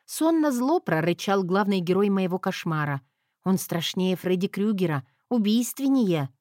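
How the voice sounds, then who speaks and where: A woman reading an audiobook in a steady first-person narration. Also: medium pitch, moderate pace, no echo, clean studio sound. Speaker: audiobook reader.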